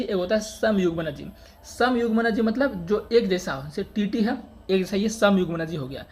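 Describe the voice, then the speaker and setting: Man teaching, quizzing his listeners. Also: high-pitched. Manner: repeats questions and answers them himself; addresses viewers as friends and brother. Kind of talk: exam-prep science lecture.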